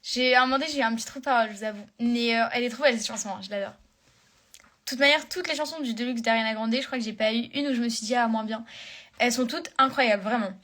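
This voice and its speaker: Fast-talking and bright in tone, a young woman with a fairly high voice keeps things casual and loose while streaming live from her phone to fans. Her talk wanders, packed with fillers and sentences she starts again.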